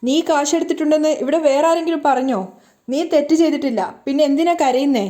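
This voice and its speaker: A woman's voice: high-pitched, fast, warm tone, lightly acted. A young man standing up for his in-law, read by a woman. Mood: defending. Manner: read out plainly in the reader's own voice.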